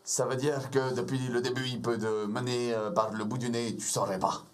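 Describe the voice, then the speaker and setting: A man running a tabletop role-playing game as game master, narrating in a measured, grave way. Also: medium pitch, little pitch movement, a little hiss or hum.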